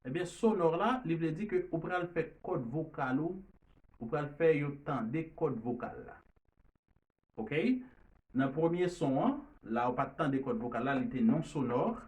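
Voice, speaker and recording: A man teaching English pronunciation, repeating each drill word slowly and loudly. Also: on the high side, animated, recorded from a distance. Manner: repeats drill words loudly and slowly, mixes French and Creole. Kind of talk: pronunciation lesson.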